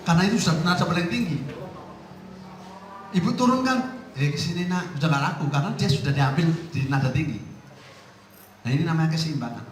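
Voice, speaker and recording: A middle-aged man, an Islamic teacher, giving a lively parenting talk to parents in a small prayer room. He swings between loud emphasis and soft asides. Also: fairly high pitch, fairly quick, pauses often. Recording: echoey room with faint ambient noise.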